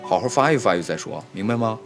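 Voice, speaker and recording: An actor playing a flustered young master of a household in a comedic period TV drama, scolding and coaxing by turns in an exasperated way. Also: male voice, fairly low pitch, expressive, quick pace. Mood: lecturing. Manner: exasperated, scolding, jumps between coaxing and alarm. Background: background music.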